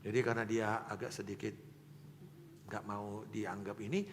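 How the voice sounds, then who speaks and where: A man preaching a sermon as a pastor, telling stories with shifts between loud emphasis and hushed asides. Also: lowish voice, flat delivery, moderate pace, in a large hall, slight background noise. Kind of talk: sermon storytelling.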